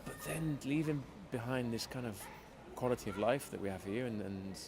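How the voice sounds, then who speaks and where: A man's voice: mid-range voice, moderate pace. A man chatting casually as an interview guest, self-deprecating and full of restarts. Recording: loud street and traffic noise.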